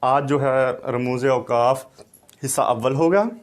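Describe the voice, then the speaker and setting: Slow, deliberate male lecturer. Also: mid-range voice. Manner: slow, deliberate explaining with anecdotes. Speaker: teacher. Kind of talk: recorded lecture.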